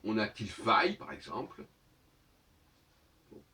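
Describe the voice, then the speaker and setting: A man giving a lecturing monologue on his own channel, professorial and argumentative, pausing on fillers while he searches for words. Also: fairly low pitch, big pitch swings, pushed and bright, far from the mic.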